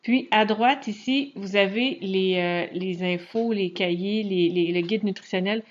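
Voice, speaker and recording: A woman's voice: medium pitch, a little slow. Chatty Quebec French woman, lo-fi. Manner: chatty, relaxed, frequent hesitations. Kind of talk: casual screen walkthrough tutorial. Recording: dull lo-fi recording.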